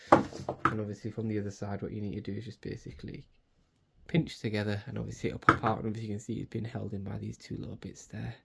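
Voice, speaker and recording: Guy with a stuffy nasal voice, kinda low, talking through a car fit-up, loose and chatty, faint noise behind. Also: vocal fry. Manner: chatty, relaxed, many fillers like "obviously". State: nasal, congested voice. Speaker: car vlogger. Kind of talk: casual how-to vlog.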